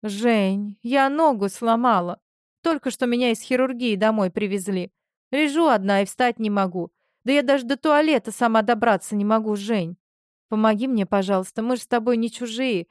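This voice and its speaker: A woman's voice: medium pitch, normal speed, darkish tone, dry recording, studio quality, close to an everyday voice. A woman voicing a manipulative young woman who pretends to be helpless, speaking in a plaintive, pleading way. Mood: tearful pleading.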